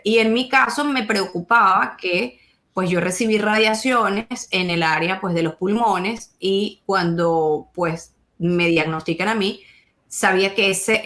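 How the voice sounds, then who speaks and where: A woman, an interview guest giving a faith testimony, speaking haltingly with many restarts and repeated words. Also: fairly low pitch, fairly bright tone. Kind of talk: emotional testimony in conversation.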